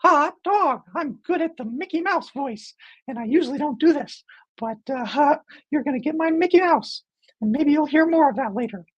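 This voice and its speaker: A man putting on a high squeaky impression of a famous cartoon mouse. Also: expressive, moderate pace, dull audio. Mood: playful. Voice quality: very high falsetto.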